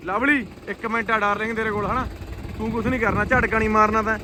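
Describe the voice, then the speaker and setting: Boisterous male Punjabi vlogger, high voice, rapid outdoor banter and shouted-out instructions. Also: steady tone, background noise. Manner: boisterous, calling out commands. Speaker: vlog host. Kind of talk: casual outdoor vlog banter. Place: outdoors in an open field.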